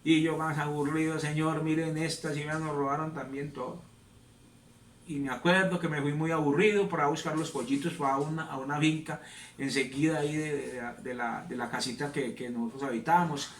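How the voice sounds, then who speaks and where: A man's voice: on the high side, fairly even intonation, brisk. A man, a pastor, telling his testimony in an earnest, rambling way. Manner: earnest, rambling storytelling with repetitions. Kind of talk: preaching testimony. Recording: echoey room, distant mic.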